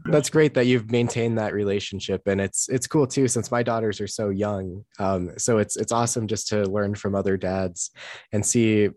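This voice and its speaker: A fairly young podcast host chats casually and conversationally through an interview and the show's sign-off. His voice is fairly low and darkish in tone, at a moderate pace, with no room sound.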